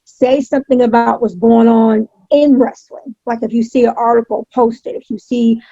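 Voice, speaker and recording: A woman chatting casually as an interview guest, speaking emphatically and repeating phrases for stress, with a gravelly, husky voice on dull, lo-fi audio. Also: on the high side, little pitch movement, normal speed, mellow, no room sound. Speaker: interview guest, pro wrestling announcer.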